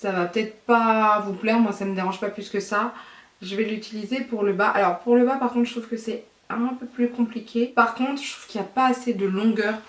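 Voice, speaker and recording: A woman's voice: fairly high pitch, steady tone, a little fast, slight background noise. A woman vlogger talking through a makeup tutorial, chatty and thinking aloud with fillers and asides. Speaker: beauty vlogger. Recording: echoey room, mic at a distance.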